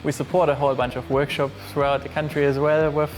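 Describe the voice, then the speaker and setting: A middle-aged German workshop owner with a German accent talks casually and hesitantly about his workshop in an interview, relaxed but full of fillers and restarts. His voice is on the high side and quick, with soft music in the background.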